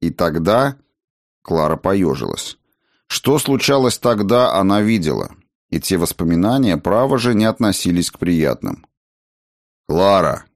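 A man narrating a fantasy audiobook in a measured, expressive storytelling manner. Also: low-pitched, no room sound, clean studio sound.

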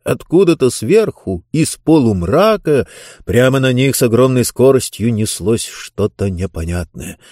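A man narrating a fantasy story with expressive, dramatic intonation, read close to the mic. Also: medium pitch, measured pace, no echo. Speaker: audiobook narrator.

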